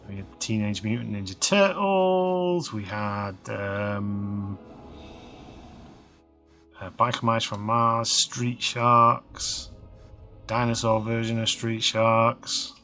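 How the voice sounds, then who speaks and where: Slow, bright-voiced man rambling. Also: fairly low pitch, vocal fry. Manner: rambling, chatty, many fillers and restarts. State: slightly hoarse. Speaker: game let's-play host. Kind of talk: casual gameplay commentary.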